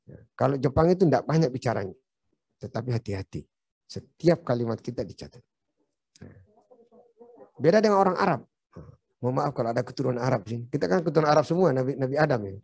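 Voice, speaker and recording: A man's voice: medium pitch, creaky, a little mellow, no echo. A man giving a seminar lecture in a hotel meeting room. He talks in a chatty, joking way and keeps turning to the audience with "Pak". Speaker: seminar speaker.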